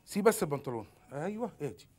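A man's voice: a little high, sing-song, rapid-fire, darkish tone. An Egyptian man caught in a prank, talking hurriedly and in growing exasperation on the phone. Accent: Egyptian Arabic. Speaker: prank victim.

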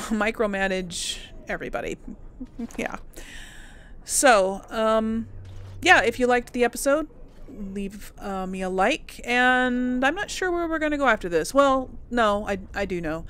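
Her voice sits on the high side, clear and resonant with a bit of brightness, and she talks a little slowly. As host of a gaming playthrough series, she gives casual let's play commentary, chatting with viewers and thinking out loud to herself.

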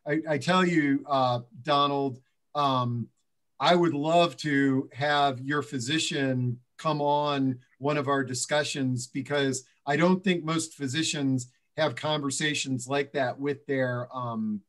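A middle-aged man hosting a live online discussion, halting and filled with ums as he introduces guests. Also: medium pitch, fairly even intonation, fairly bright tone. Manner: halting, filler-heavy, gestures with both hands. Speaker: host and moderator. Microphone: headset on a video call.

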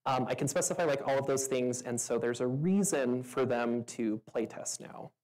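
A woman with an extremely low, warm voice fields audience questions from a meetup stage at normal speed. Her chatty, casual answers are filled with fillers and laughter, captured on poor audio.

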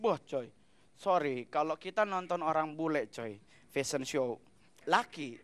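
A man doing stand-up on a TV studio stage into a handheld mic, talking loud and animated in slangy street speech. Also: a little high, unhurried. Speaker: stand-up comedian. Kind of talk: stand-up comedy set. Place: TV studio stage with live audience. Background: audience laughter.

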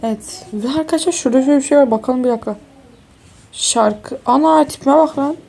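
A tired young woman with a high-pitched, gravelly, warm voice talks fast as she plays a life-sim game. The gaming YouTuber exclaims and chats with her viewers like friends in casual walkthrough commentary.

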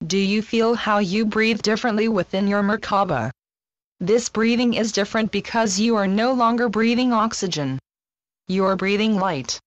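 A woman narrating a scripted guided meditation in a slow, soothing spiritual-guide manner with deliberate pauses. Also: mid-range voice, no room sound, dull audio.

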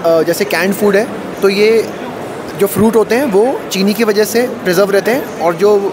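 A man's voice: sits high, normal speed. Man explaining products at busy expo. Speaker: food company representative. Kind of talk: trade fair interview. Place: busy indoor expo stall. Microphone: handheld mic held by interviewer. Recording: noisy expo hall.

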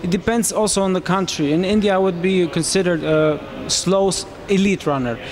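A Romanian marathon runner in his thirties answers interview questions in English, holding a handheld mic in a small room. His voice sits high, and his phrasing is halting, with frequent restarts.

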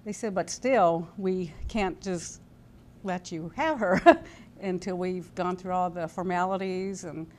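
A woman in her sixties, an interview guest, tells a personal story in a halting, conversational way, voicing the quoted dialogue herself. Her voice is lowish, slightly mellow and fairly even. She's on a lapel mic on an indoor TV studio-style set at a convention, with background noise and room ambience audible.

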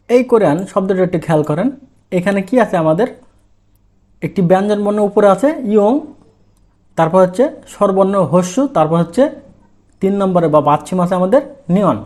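A man's voice: high voice, darkish tone. A man teaching a language lesson, explaining step by step and often asking a question and then answering it himself. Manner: asks and answers his own questions.

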